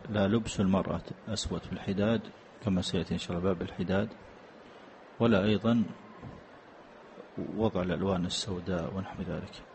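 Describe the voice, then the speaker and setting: A man giving a religious lesson in a large mosque, reading out questions and then explaining each one deliberately. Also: sits low, darkish tone, muffled recording, slight background noise. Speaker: mosque teacher answering questions.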